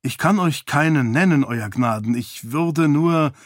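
A man's voice: fairly high pitch, unhurried, no room sound, studio quality, pitched above the performer's own voice, natural voice. A man voicing a humble male priest in an audiobook, deferential and hesitant. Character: humble, strong male priest, torn and nervous.

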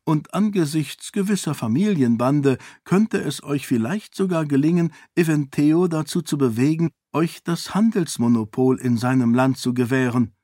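Man playing a bold witty princess, higher voice, cool cutting delivery, dry recording. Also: normal speed, few pauses, dark tone, dry recording, lightly acted. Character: bold sharp-witted young princess, self-assured.

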